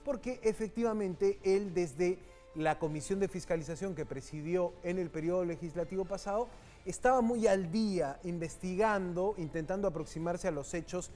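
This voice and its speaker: A man from Peru anchoring a live news show, talking briskly and conversationally, speaking straight to the viewer. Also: sits high, dark tone, faint music behind.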